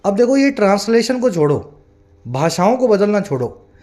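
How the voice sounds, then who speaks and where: A man teaching English vocabulary in a Hindi lesson, explaining each word patiently, often asking if the viewer follows, and reading English example sentences slowly. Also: sits high, very animated, darkish tone. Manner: asks the viewer often whether they follow. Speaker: English tutor.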